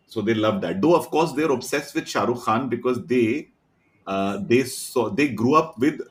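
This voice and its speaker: A middle-aged man from India with an Indian accent, a podcast guest telling animated anecdotes full of quoted dialogue. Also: medium pitch, normal speed. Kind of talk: casual storytelling chat.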